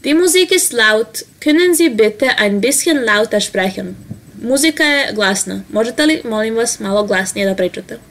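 A woman teaching vocabulary, saying each word and example slowly, then translating it quickly. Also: fairly high pitch, lively intonation, fairly bright tone. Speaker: language teacher. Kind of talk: vocabulary lesson.

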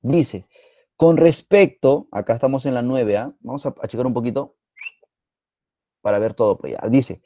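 A man with a Peruvian Spanish accent teaching a live online biology exam-prep class, quizzing students in a playful, teasing way and repeating words rapidly. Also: medium pitch, mellow, dry recording, highs cut off.

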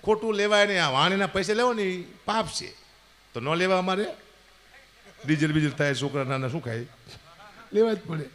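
A man's voice: sits high, expressive, moderate pace, long pauses, fairly bright tone. A man telling jokes as a folk comedian, chatty and teasing. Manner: chatty, teasing, punchline-driven. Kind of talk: stand-up storytelling at a folk gathering.

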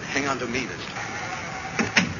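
A man playing a confident, reassuring, take-charge gentleman detective in a 1940s radio drama. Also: medium pitch, slow, highs cut off, natural voice. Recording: very noisy 1940s radio recording.

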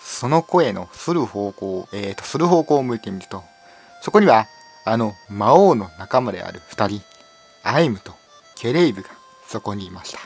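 A hoarse man commentating a game, reading its dialogue aloud with frequent giggles, stumbles and asides. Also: lowish voice, lively intonation, moderate pace, darkish tone, soft background music. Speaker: game streamer. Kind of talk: playful let's-play commentary reading game text aloud.

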